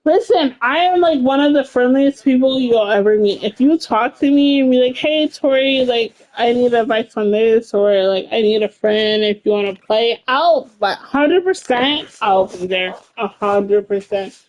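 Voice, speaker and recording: A woman's voice: a little high, a little slow, few pauses, a little mellow, muffled recording. A woman in her late thirties, a game streamer chatting casually with her live chat, blunt and laughing often, with plenty of swearing. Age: 30s.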